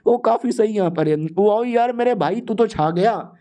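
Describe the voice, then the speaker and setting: A man's voice: high-pitched, moderate pace, lightly acted. A man voicing a bossy, teasing older sister who scolds and mocks her younger brother. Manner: loud, scolding, mocking.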